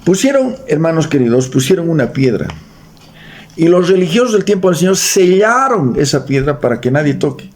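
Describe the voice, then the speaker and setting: A man's voice: on the high side, very animated, a little fast, darkish tone. A man with a Bolivian accent preaching in a church, reading scripture aloud, joking with the congregation and quizzing them. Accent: Bolivian Spanish. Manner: reads verses aloud, adds jokes and quizzes the congregation.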